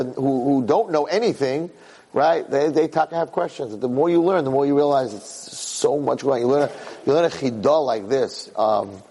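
Brief: man, rabbi teaching girls, slightly high voice, storytelling with restarts, echoey room. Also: husky. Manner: animated storytelling with many restarts. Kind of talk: informal Torah class. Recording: echoey hall.

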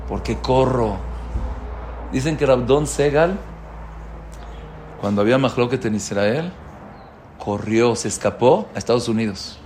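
Rabbi, lively lesson. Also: male voice, mid-range voice, a little slow, pauses often, a little hiss or hum. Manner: lively, questions the audience. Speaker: rabbi teaching a Torah class. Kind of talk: animated religious lesson.

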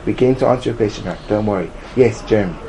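A man teaching a Talmud study class, emphatic and animated, acting out little voices to make his points. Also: on the low side, rapid-fire. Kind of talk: classroom lecture.

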